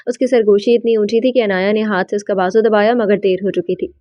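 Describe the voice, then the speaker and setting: A woman narrating a novel in an even, storytelling manner for an audiobook. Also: medium pitch, dry recording. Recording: dull, slightly lo-fi.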